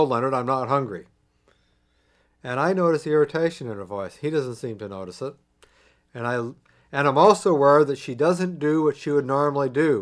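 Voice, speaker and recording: A middle-aged man telling a personal family story in a reflective, conversational way, pausing and restarting as he goes. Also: medium pitch.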